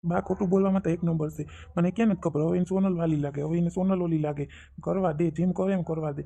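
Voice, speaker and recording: A man's voice: a little high, fairly even intonation, fast, vocal fry, dark tone. A man with a Kathiawadi Gujarati accent playing an exasperated grown son in a family comedy skit, arguing back sarcastically and indignantly.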